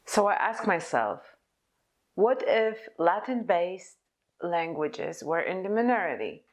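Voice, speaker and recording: This young woman's pitch swings widely as she presents her type design to a conference audience in English. Her voice sits a bit low, her native tongue is Polish, and she talks in a measured, deliberate way, apparently reading from notes.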